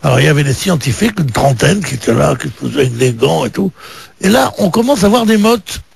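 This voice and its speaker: A man on a radio panel show, telling a long comic anecdote in an animated, joking way. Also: on the high side, fast, creaky, slight background noise. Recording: radio broadcast.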